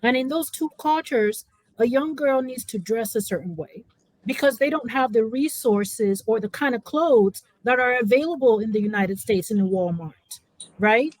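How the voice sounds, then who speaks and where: A woman with a fairly high voice speaks on a panel in a close, dry recording. She gives personal testimony with feeling and emphasis, often checking in with short tag questions. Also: animated, moderate pace, no room sound, poor audio. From born in California, raised in Africa.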